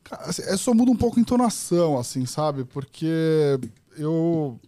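A man from Brazil talks as a podcast guest in casual interview chat. His voice sits a bit high yet sounds dark and mellow. He rambles, restarting sentences often, and the room is dry with no echo. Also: big pitch swings, normal speed. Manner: rambling, many restarts and fillers.

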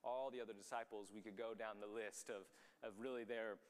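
A man's voice: fairly low pitch, fairly even intonation, a little fast. A young adult man teaching a Bible study in a casual, conversational way. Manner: conversational, acts out the quotes in voices. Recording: long hall reverb.

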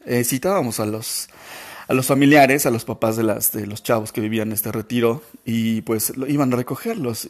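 A man hosting a podcast, telling a personal story in a halting, emotional way with many restarts and repetitions. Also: medium pitch. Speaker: podcast host.

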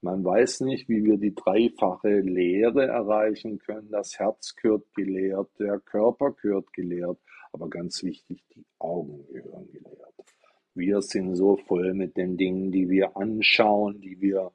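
A man's voice: low voice, fairly even intonation, a little slow, slightly rough, muffled recording. A man from southwest Germany giving a casual, rambling live-stream monologue into an iPad. He explains things and asks himself rhetorical questions as he goes. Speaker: livestreamer talking about Buddhism.

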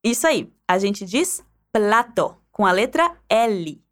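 A woman's voice: mid-range voice, very animated, slow, a bit bright. A woman teaching Spanish, guiding the listener through pronunciation drills and prompting them to repeat aloud.

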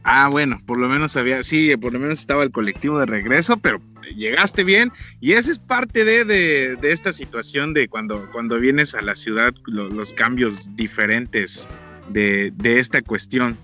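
Bright-voiced Mexican man hosting. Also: medium pitch, normal speed, soft background music. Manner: rambling, many fillers and restarts. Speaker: host interviewing a guest. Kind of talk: casual conversational interview.

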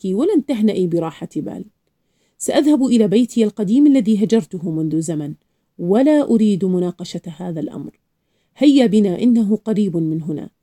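Calm old grandfather, read by a woman. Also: medium pitch, close to an everyday voice.

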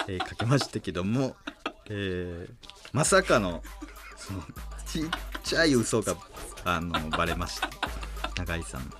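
A man with a Kansai accent hosting a casual comedic radio chat, bantering and quick to laugh and retort. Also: low-pitched, lively intonation. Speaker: radio show host. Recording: music playing behind the voice.

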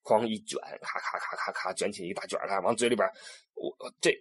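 A man's voice: fairly low pitch, fast talker, slightly rough. A man, a tour guide telling stories in a casual monologue, with many restarts. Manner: animated, acts out quoted people, many restarts.

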